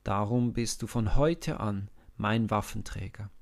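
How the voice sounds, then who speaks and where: A man voicing a proud older king who speaks in measured, solemn tones in a storybook reading. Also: lowish voice, vocal fry. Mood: approving.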